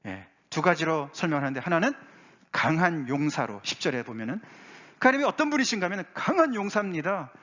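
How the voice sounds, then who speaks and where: A male pastor preaching a sermon with emphatic swings, rising to exclaim and dropping low. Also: big pitch swings, quick pace, fairly bright tone. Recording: dull lo-fi sound.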